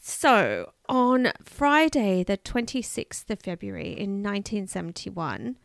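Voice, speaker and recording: An Australian woman co-hosting a podcast, telling a true-crime case in casual, chatty talk with quick asides. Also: medium pitch, sing-song, vocal fry, no room sound, clean studio sound. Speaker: podcast co-host.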